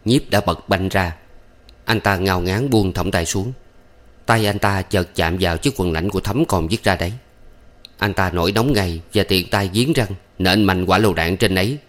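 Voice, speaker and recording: A man narrating a story in a steady, measured way. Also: deep voice.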